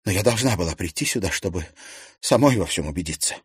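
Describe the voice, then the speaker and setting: A man's voice: low voice, expressive, fast talker, breathy edge, no echo, exaggerated voice. A man voicing a heartbroken young woman who pleads in a raised, tearful voice.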